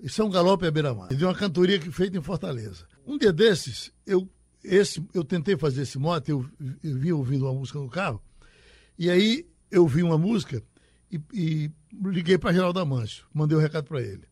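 A man's voice: a little high, a little fast, breathy edge, no echo. A man, a radio host telling stories in casual chat and reciting verse. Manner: relaxed, recites verse aloud.

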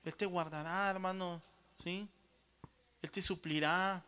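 A man's voice: high-pitched, steady tone, measured pace, sharp tone, smooth. A man preaching a sermon, often calling the congregation brothers and checking in with them after each point. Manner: addresses listeners as brothers.

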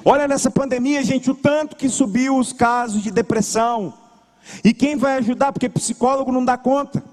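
High-voiced Brazilian preacher acting out stories. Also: male voice, normal speed, big-room sound. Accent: Brazilian Portuguese. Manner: lively storytelling, acts out what people say. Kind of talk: sermon. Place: church.

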